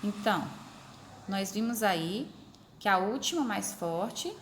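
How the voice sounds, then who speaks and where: A woman teacher explaining a lesson to her pupils, repeating examples slowly and stretching syllables. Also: mid-range voice, animated, slight background noise. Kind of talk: recorded remote class explanation.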